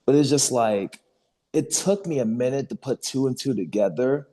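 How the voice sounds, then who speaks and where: A man's voice: medium pitch, normal speed, dark tone. A young adult man hosting a podcast in casual, informal chat, often repeating words as he argues and recommends things. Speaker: podcast host. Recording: long reverberant room echo.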